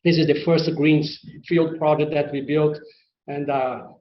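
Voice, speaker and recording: During a semi-scripted earnings call, an executive whose first language isn't English presents results to investors, his voice on the high side. He speaks haltingly, repeating words, over roomy, muffled conference-call audio carrying faint noise.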